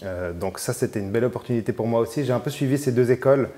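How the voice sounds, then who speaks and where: A man in his thirties talks through his musical path as a radio guest. His voice is warm and mellow, and he hesitates often, piling up fillers and restarting his sentences. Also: medium pitch, quick pace. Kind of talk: casual radio interview.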